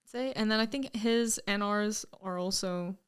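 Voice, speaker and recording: Young female podcast guest, smooth clear voice, relaxed upbeat storyteller. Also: medium pitch, unhurried. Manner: easygoing storyteller, laughs along, upbeat. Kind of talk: casual chat.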